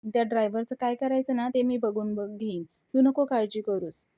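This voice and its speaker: A stern, controlling middle-aged father, read aloud by a woman as she retells a soap scene. The voice is raised and forceful when he scolds and turns gentle when he coaxes. The tone stays mellow and the room sounds dry. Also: on the high side, fairly quick, no room sound, natural voice. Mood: coaxing. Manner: scolding loudly, then coaxing softly.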